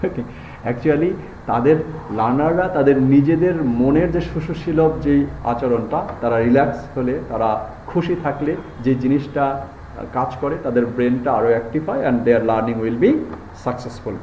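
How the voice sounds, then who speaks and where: A man's voice: mid-range voice, moderate pace, slight background noise. A man giving a live university lecture, mixing Bengali and English and repeating key terms as he explains. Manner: switches between Bengali and English mid-sentence. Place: classroom. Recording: echoey classroom, dull lo-fi sound.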